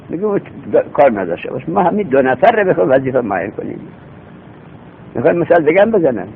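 Male teacher, raspy voice, slightly high pitch, patient with repeated rhetorical questions, over a tinny line. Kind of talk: seminary grammar lesson. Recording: tinny phone-like recording with faint rumble.

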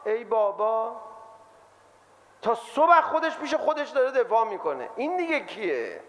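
Guy preaching, high voice that jumps all over, keeps acting out little quotes. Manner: animated, acts out quoted voices. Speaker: religious lecturer. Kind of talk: lively sermon to an audience.

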